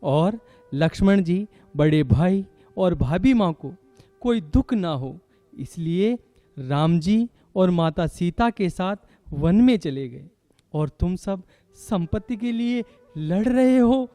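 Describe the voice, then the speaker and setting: A man's voice: sits high, animated, slow, warm tone, no echo. A man playing a stern but caring elderly grandfather in a school stage play, lecturing his quarrelling grandsons. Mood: scolding. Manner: reproachful, lecturing.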